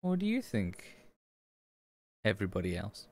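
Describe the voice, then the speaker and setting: A man's voice: on the low side, wildly swooping pitch, unhurried. A man talking casually as a player in a tabletop role-playing game.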